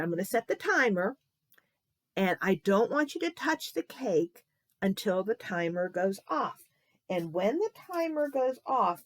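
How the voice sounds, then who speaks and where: A woman voicing a patient mother who calmly explains to her young daughter, step by step, why she must wait. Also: mid-range voice.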